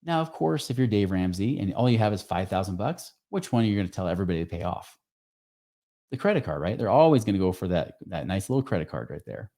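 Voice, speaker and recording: A man coaches viewers on money in a casual, energetic talk. He is emphatic and asks rhetorical questions. His voice sits low, with a warm, mellow tone. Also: fast. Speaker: financial coach. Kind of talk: casual teaching talk to camera.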